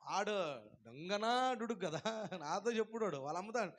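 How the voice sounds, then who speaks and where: A pastor preaching a sermon, swinging between loud proclaiming and hushed, tender asides, now and then singing hymn lines slowly. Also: male voice, sits high, expressive. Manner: breaks into slow sung hymn lines.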